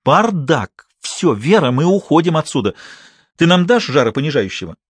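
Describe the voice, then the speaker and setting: Brief: indignant loud village woman, male reader doing a high voice, shrill and scolding, audiobook. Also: very animated, fairly quick, slightly rough, no echo. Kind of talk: audiobook character voice.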